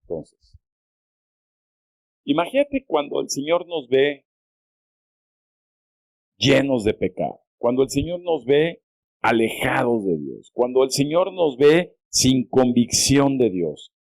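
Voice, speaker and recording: A man preaching a sermon as a church pastor, in a deliberate style, often checking in with "¿verdad?" and rising high when quoting pleas. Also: big pitch swings, darkish tone, no echo. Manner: slow, deliberate preaching with frequent "¿verdad?" asides; rises sharply in pitch when quoting pleas.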